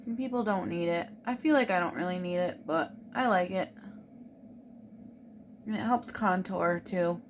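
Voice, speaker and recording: A woman's voice: lowish voice, moderate pace, pauses often, slight background noise. A woman casually walking viewers through her makeup routine, explaining each step as she goes. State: hiccuping. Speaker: beauty vlogger.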